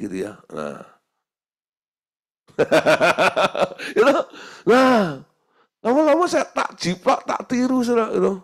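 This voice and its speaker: Pendeta pria berkhotbah penuh semangat. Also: male voice, medium pitch. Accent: Indonesian. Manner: lively preaching, swings from loud emphatic peaks to soft asides. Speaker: pastor. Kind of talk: sermon.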